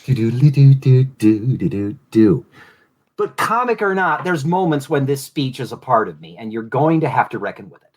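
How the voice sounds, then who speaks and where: A man's voice: mid-range voice, expressive, fairly quick, a bit bright. A man from Southwest Florida hosting a podcast in a reflective monologue, with a mid-Atlantic accent that slides toward Southern and elaborate, formal phrasing. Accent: mid-Atlantic, shifting toward Southern. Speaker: podcast host.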